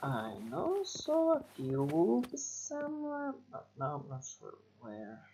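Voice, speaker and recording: Creaky-voiced man commentating on a game. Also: high voice, huge pitch swings, takes it slowly, darkish tone, slight background noise. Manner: thinking aloud, muttering asides. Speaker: gamer playing and reacting. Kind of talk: casual gameplay commentary.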